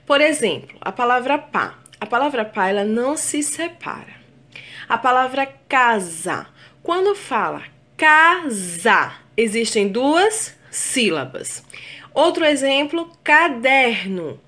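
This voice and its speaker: A woman teacher speaks in a bright, clear voice, taking her time over each word. Her pitch rises and falls freely as she stretches words out syllable by syllable for her pupils. She calls the class her darlings. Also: big pitch swings. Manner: slow, drawn-out spelling of words syllable by syllable; affectionate, addresses pupils as darlings. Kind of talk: recorded remote lesson.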